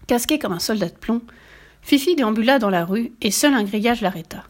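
A woman reading a children's storybook aloud in a lively, expressive way. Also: on the high side, fairly quick.

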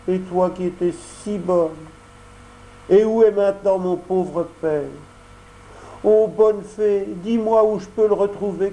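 Man doing Pinocchio, a high wailing puppet boy. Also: dark tone, poor audio. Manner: wailing, pleading, high-pitched. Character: grieving wooden puppet boy, impulsive. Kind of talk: audiobook character voice.

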